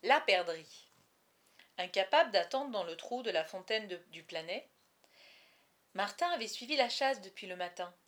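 A woman reading a novel aloud chapter by chapter, with expressive, dramatic storytelling. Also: medium pitch, normal speed, long pauses. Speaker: reader.

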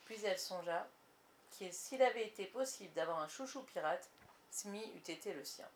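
Sex: woman. Role: narrator. Style: storybook reading, measured. Pitch: mid. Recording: faint background noise. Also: animated.

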